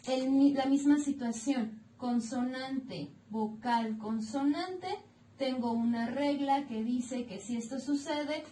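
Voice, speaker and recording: A Mexican woman teaching English grammar in Spanish, explaining each rule slowly and clearly, step by step, in a recorded lesson. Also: high voice, mellow, slight background noise. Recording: echoey room, mic at a distance.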